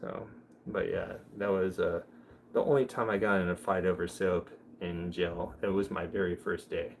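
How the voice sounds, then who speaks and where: A man's voice: low voice, steady tone, moderate pace, gravelly, a little hiss or hum. A young man chatting casually on a livestream, telling rambling, joking stories. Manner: rambling storyteller, loose and joking. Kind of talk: casual live chat.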